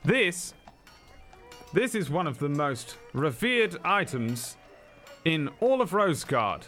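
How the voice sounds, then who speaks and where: Man puts on a high, wheedling hustler voice for a pushy tiefling merchant in a tabletop game. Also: big pitch swings, slow, fairly bright tone, soft background music, heavily acted. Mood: salesy. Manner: wheedling hard sell. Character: shifty male tiefling junk merchant, pushy.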